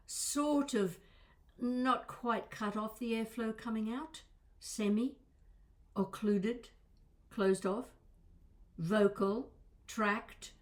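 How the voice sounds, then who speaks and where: Addressing the camera, an older female voice coach and presenter gives a casual, meandering lesson seasoned with wry asides. Her voice is mid-range, with a slight crackle and small breaks.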